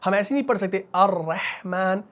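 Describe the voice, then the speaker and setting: A man with a Pakistani Urdu accent teaching Quran recitation rules, who asks the class questions, answers them himself and stretches out the example words slowly. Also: high voice, a bit bright. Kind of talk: spoken tajweed lesson at a whiteboard.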